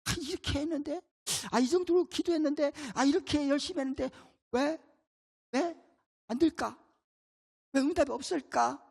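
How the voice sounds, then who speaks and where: A preacher doing a whining self-righteous churchgoer. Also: male voice, extremely high pitch, normal speed, creaky, pauses often, darkish tone, voice pushed up. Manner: whining, aggrieved. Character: self-righteous churchgoer man complaining to God.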